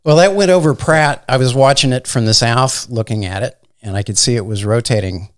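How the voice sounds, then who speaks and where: A man with a Midwestern accent, a meteorologist guest telling stories in a casual, unhurried way with many fillers. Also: mid-range voice, no room sound, clean studio sound. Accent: Midwestern American. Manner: soft-spoken, unhurried, fond of fillers. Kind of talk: casual interview storytelling.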